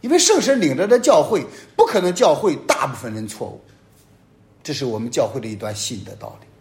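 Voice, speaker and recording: Male priest, fairly high voice, very animated delivery, emphatic homily with loud peaks and hushed drops. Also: brisk. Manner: emphatic preaching, sweeping rises and drops in pitch and loudness.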